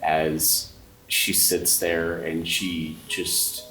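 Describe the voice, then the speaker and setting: A man's voice: low voice, flat delivery, drawn-out words, pushed and bright, soft background music. A man narrating a tabletop horror game as game master, describing scenes and talking directly to the players. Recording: roomy echo, distant mic, faint noise.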